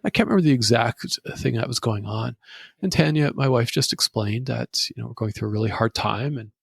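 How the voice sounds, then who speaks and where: Podcast host guy, gravelly voice, earnest, trips over words a bit, dry close mic. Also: mid-range voice, fairly quick, dry recording. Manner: earnest, stumbling restarts. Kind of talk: interview conversation.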